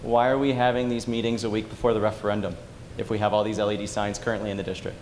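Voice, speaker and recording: A man's voice: lowish voice, flat delivery, very fast, darkish tone, a little hiss or hum. A man at a public meeting asking pointed, persistent questions about district spending. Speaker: community member asking questions.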